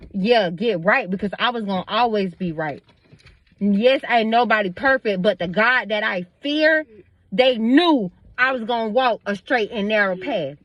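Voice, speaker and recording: A woman's voice: medium pitch, no echo, highs cut off. A woman vlogger talking to her viewers in a casual monologue, emphatic and preachy, addressing them directly.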